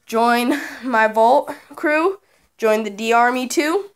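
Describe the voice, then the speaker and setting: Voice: medium pitch, slow, smooth. A vlogger chatting casually to viewers in an informal, unscripted way. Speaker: video creator. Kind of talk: casual vlog chat.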